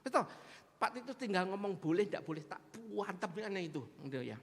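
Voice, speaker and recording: A man's voice: sits high, brisk, breathy edge. A man with an East Javanese accent preaching a sermon, telling stories animatedly and speaking straight to the congregation. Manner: animated, mixes local slang, addresses congregation. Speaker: pastor. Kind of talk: storytelling sermon. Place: church sanctuary. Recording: long church-hall reverb.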